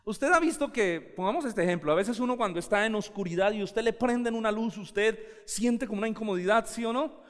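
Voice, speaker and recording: Male pastor, high-pitched voice, conversational sermon, long hall reverb. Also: a little fast. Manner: conversational, asks the congregation questions.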